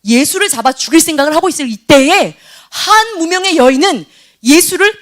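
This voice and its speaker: Animated woman preaching to teenagers. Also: sits high, brisk. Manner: animated, acts out scenes and questions students by name. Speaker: youth pastor. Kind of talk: youth sermon with audience questions. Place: church youth service.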